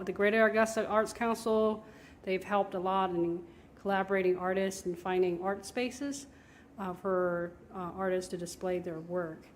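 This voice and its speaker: A young woman talks casually as she shows around her home, her voice at an ordinary middle pitch. She chats easily and laughs lightly between thoughts. The rooms add a roomy echo, with a faint hum of ambience behind her. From Taiwan. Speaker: artist and photographer. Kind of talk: casual home tour talk.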